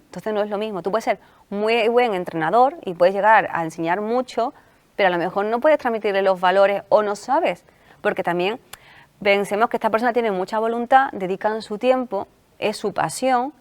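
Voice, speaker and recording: Fast-talking Andalusian woman psychologist. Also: mid-range voice. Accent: Andalusian Spanish. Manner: animated storyteller acting out quoted coaches. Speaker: sports psychologist guest. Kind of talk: talk show conversation.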